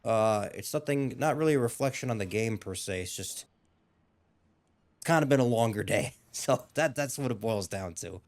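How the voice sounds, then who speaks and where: A gaming YouTuber gives casual playthrough commentary, rambling over gameplay in a lowish, darkish, expressive voice at a moderate pace. He's a little ill and losing his voice. His talk is hesitant, with frequent restarts and fillers.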